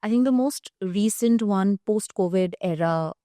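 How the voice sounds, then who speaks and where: A woman's voice: mid-range voice, measured pace, warm tone, dry recording, studio quality. A woman with an Indian accent giving explanatory, conversational interview answers as a psychologist, often tagging phrases with "you know". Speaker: guest psychologist.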